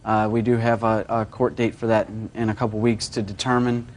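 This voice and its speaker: A man's voice: on the low side, level tone, fairly quick. A man answering a judge as a litigant, hesitant and deferential as he gives testimony. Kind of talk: courtroom testimony. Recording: faint background noise, courtroom.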